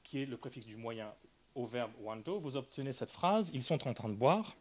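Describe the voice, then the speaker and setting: A man's voice: medium pitch, lively intonation, moderate pace. A man giving an academic linguistics talk, explaining carefully with frequent hesitations and restarts. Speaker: linguistics lecturer.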